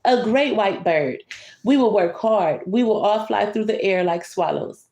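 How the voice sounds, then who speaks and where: Her voice is mid-range and darkish, animated yet measured in pace, and the room sounds spacious. She's reading a picture book to a child at bedtime, breaking off now and then for casual explanations of the pictures and friendly comments.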